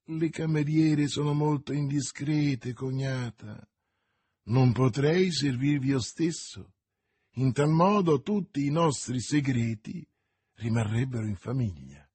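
Man playing an icy sneering baron, slow and menacing, husky voice. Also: medium pitch, darkish tone, no room sound. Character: cold contemptuous English baron, menacing.

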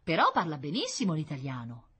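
A woman's voice: a little fast, heavily acted. A woman voicing a bold, eager young boy in a storybook reading. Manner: eager, lively, high-pitched.

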